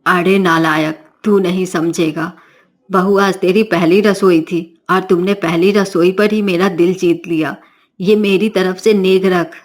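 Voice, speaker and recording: A woman's voice: fairly low pitch, steady tone, unhurried, voice pushed down. A woman voicing a strict middle-aged mother-in-law who scolds and gives orders in a commanding way in a cartoon story. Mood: fond.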